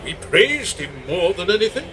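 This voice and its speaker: A man's voice: sits high, big pitch swings, moderate pace, a bit bright, slight background noise. A man playing a fretful, put-upon uncle who is the straight man of a comic act. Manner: worried, complaining.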